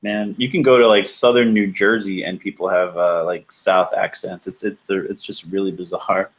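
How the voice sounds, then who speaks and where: A man's voice: sits low, fairly even intonation, moderate pace. A man from New York chatting casually as a guest, laid-back with stammering restarts. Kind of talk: casual chat. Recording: dull muffled sound.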